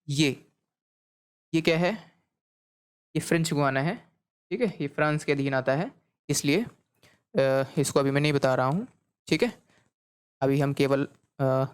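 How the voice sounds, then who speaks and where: Man, geography teacher, clear resonant delivery, quizzes students by repeating each answer. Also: mid-range voice, a little slow, pauses often, dry recording, studio quality. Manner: repeats key points as quiz questions, frequent "okay" checks. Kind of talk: recorded map lecture.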